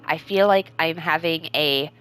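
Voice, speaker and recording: Low-voiced woman doing gameplay commentary. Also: a little slow, a bit bright, poor audio. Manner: opinionated, chatty asides. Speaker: gamer, let's-player.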